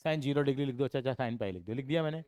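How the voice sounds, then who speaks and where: Male tutor, walks students through each step with quick questions, smooth and dry. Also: mid-range voice, expressive, darkish tone, no echo. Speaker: accounts and maths tutor. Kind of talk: classroom teaching.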